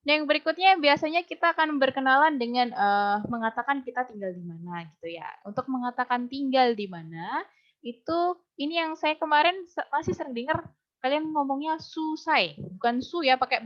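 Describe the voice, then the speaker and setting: A woman teaching a language class, patiently repeating words slowly for her students. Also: high-pitched, fairly bright tone. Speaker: Mandarin teacher. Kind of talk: online Mandarin lesson in Indonesian. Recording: dull lo-fi recording.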